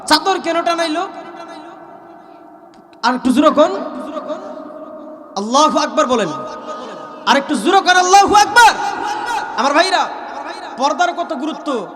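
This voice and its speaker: A man from Bangladesh with a Gaibandha Bengali accent, preaching a waz sermon that he shouts and breaks into slow chanted verses, calling on the crowd to repeat after him. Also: extremely high pitch, lively intonation, roomy sound, big-room sound. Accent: Gaibandha region Bengali. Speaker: Islamic preacher.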